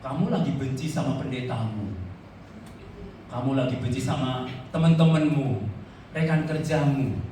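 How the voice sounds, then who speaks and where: A man's voice: medium pitch, normal speed, pauses often, mellow, slight background noise, pitched below the performer's own voice, lightly acted. A male preacher voicing a stern God who bluntly accuses a false worshipper, heard in an echoey church from a distant mic. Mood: stern, accusing.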